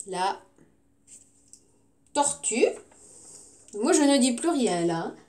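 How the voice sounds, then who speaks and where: A tired woman teaching young children, slow and patient, stretching out her words. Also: fairly high pitch, very animated, warm tone. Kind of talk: classroom lesson for young children.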